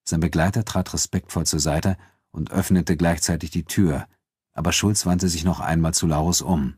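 A man narrating an audiobook in a very deep, low voice. His reading is steady and even, paced for storytelling. The sound is dry and close. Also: moderate pace, slightly rough, no echo.

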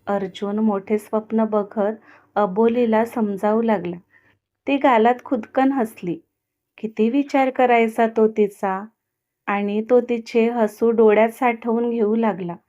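A woman storyteller narrating an audio story in a steady, expressive reading. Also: on the high side, slow pace, muffled recording.

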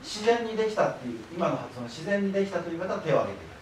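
A man's voice: a little high, big pitch swings, very fast. A man giving a public lecture, explaining patiently and having the audience repeat words after him. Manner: patient explanatory, leads audience call-and-response. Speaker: lecturer, library director. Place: echoey lecture hall. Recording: very echoey hall, voice from far off, faint hiss.

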